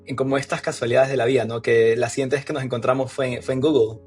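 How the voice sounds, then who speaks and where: A man in his thirties from Ecuador, a podcast guest telling his story in relaxed casual conversation with frequent fillers. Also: mid-range voice, quick pace, faint music behind.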